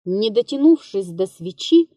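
Slow, mellow woman reading a story. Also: medium pitch, sing-song, no room sound, clean studio sound. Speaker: narrator. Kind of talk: literary audiobook reading.

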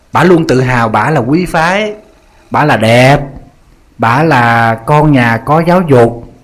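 A Buddhist monk with a Southern Vietnamese accent, giving a humorous sermon in a lively, teasing storytelling style. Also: male voice, a little high.

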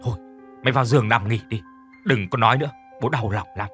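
A man voicing a widowed middle-aged father who is gruff but sorrowful in an audiobook story. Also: mid-range voice, quick pace, fairly bright tone, faint music behind, lightly acted. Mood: scolding.

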